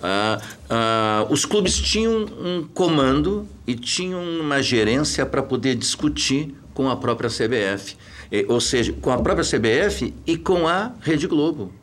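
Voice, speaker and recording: A man's voice: medium pitch, lively intonation, a little slow, a little hiss or hum. A man from southern Brazil, emphatically explaining football business as a guest on a talk show.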